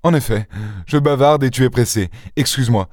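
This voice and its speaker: A man reading an audiobook, voicing a playful, mocking gentleman thief who speaks with mock affection. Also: medium pitch, a little fast, no echo, studio quality, lightly acted. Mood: teasing. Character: charming teasing gentleman thief, young man. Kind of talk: audiobook character voice.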